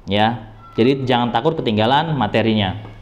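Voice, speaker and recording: A man teaching Quran recitation rules, patiently repeating sounds, reassuring his students, and slowly chanting the verses. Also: medium pitch, lo-fi sound. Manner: slow drawn-out chanting when reciting verses. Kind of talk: tajwid lesson with recited verses.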